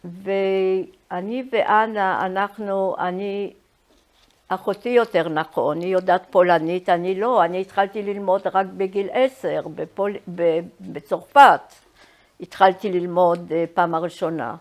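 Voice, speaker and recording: A woman in her eighties sharing personal memories in a reminiscing style, often halting to search for words. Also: on the low side, fairly even intonation, a little mellow. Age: 80s. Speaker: Holocaust survivor giving testimony.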